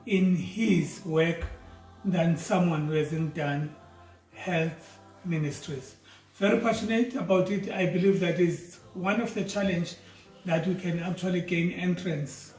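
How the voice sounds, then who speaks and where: A middle-aged man from South Africa with a South African accent, a doctor giving an earnest, measured personal introduction for a theology course. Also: sits high, a little mellow. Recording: roomy, mic at a distance, faint music.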